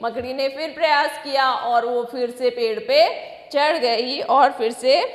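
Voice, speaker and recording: A woman's voice: high voice, a little slow. A woman primary school teacher giving a recorded class lesson, sounding out syllables one by one and asking children questions she answers herself. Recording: echoey room with long reverb.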